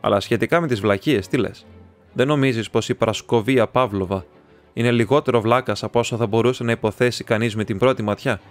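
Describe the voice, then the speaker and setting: A man reading the part of a talkative, excitable young male student who rambles, chats and teases his friend. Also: mid-range voice, faint music behind, lightly acted. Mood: chatty. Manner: rambling, chatty, teasing.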